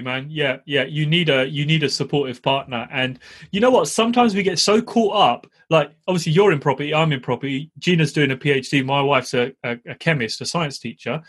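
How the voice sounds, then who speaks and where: Slightly high-pitched, a bit bright, and husky, this middle-aged podcast co-host speaks bluntly and with emphasis, swearing and adding slangy tags. The talk is a casual chat full of slang-laden advice for listeners.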